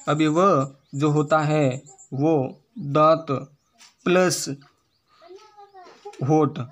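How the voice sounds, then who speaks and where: A man with a Rajasthani Hindi accent teaching an exam-prep grammar lesson. He talks slowly and evenly, with very little rise and fall in his voice. He lists sounds one at a time and says each term more than once. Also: medium pitch. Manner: slow, repetitive, spelling out sounds one by one.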